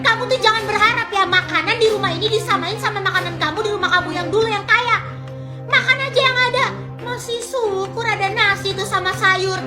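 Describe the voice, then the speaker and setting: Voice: very high voice, brisk, pushed and bright, soft background music, heavily acted. A performer voicing a stingy mother in a comedic skit who mocks and snaps at a child for asking for better food. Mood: snapping. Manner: snapping, mocking. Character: stingy, harsh mother figure in a poor household.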